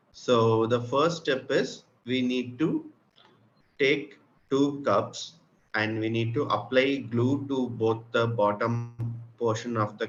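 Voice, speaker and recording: This step-by-step craft tutorial for children comes from a man with an Indian accent and a medium-pitched, slightly bright voice. He explains patiently and simply, making sure the kids follow along, and the sound is muffled with obvious room noise.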